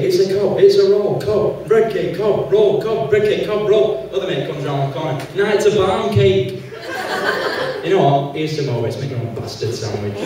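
A young man doing an animated stand-up routine on a small theatre stage, acting out the people he quotes. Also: high voice, a little hiss or hum. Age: young adult. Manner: animated, acts out quoted characters. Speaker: stand-up comedian. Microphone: handheld mic, far camera. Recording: echoey hall, from far off.

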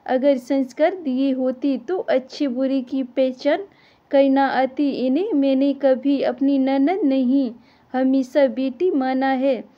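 A woman's voice: sits high, steady tone, slow pace, lo-fi sound. A woman voicing a patient daughter-in-law who speaks firmly and reasons things out. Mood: reproachful. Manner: firm, reasoning.

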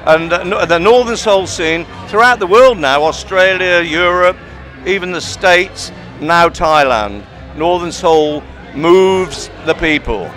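Older guy in his 60s being interviewed, voice a bit high, music playing. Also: slow pace, a bit bright, a faint crowd. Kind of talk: casual interview. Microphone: handheld shotgun microphone held by interviewer.

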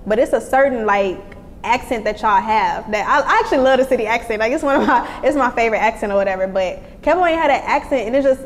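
Fast-talking woman in an echoey room. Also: a little high. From Lake County, Illinois. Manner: candid, chatty, repeats "you know what I'm saying". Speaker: interview guest. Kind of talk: casual interview talk. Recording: echoey room with faint noise.

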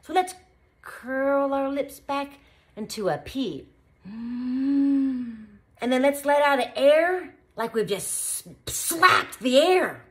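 A woman teaching children beatboxing in an animated, encouraging way, full of praise. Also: sits high, slow pace. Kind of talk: children's tutorial.

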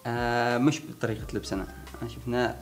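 A young man, answering a friend's questions in relaxed chat, pausing and restarting as he thinks. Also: medium pitch, faint music behind. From Sanaa region, Yemen. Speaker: conversation partner answering. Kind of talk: casual chat between friends.

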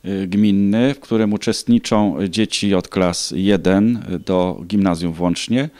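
A middle-aged man giving measured, hesitant interview answers with frequent pauses. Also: low-pitched, dark tone. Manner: hesitant, measured, pausing often. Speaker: contest organiser being interviewed. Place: indoors, small room. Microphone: handheld reporter microphone.

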